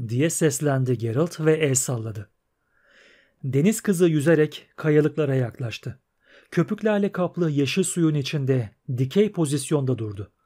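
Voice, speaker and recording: Male audiobook narrator, slightly higher voice, steady fantasy storytelling.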